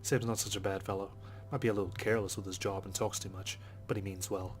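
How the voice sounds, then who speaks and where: A man with a low voice reads visual novel narration for a let's play, with game music behind him. He moves quickly, and his flat delivery has little rise or fall.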